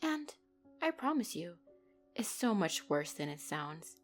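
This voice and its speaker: Over a music bed, a woman voices a domineering mafia boss in a dramatic roleplay, her pitch very lively and swinging as she takes her time. Possessive and coldly playful, she taunts and threatens, condescending and in control, dressing each threat in fake sweetness.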